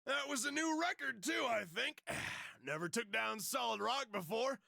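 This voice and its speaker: A man voicing a boisterous, proud young brawler in a video game, reading the lines loudly with shouting bursts. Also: extremely high pitch, animated, a little slow, creaky, no room sound, studio quality, pitched above the performer's own voice, exaggerated voice. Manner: loud, boastful, shouting bursts. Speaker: streamer voicing a game character. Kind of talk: dramatic reading of game dialogue.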